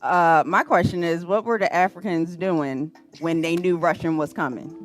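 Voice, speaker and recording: A woman on a casual panel show, asking pointed questions in an animated way. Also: on the low side, normal speed.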